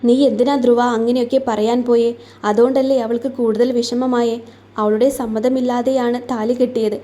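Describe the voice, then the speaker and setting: A woman reading the lines of a young man who lectures his family and reasons calmly. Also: a little high, fairly quick, close to an everyday voice. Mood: lecturing.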